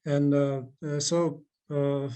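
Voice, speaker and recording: A man in his forties, from Russia, giving a halting conference talk over a video call, with many fillers and restarts. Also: fairly high pitch, flat delivery, warm tone, smooth. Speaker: conference speaker. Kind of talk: online conference presentation.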